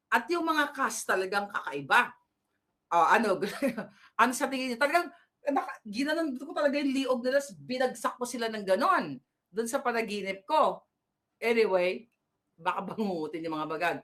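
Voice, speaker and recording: Fairly high in pitch and sharp in tone, this political vlogger rambles casually through a lengthy story, restarting often, using plenty of fillers, and laughing at her own anecdote.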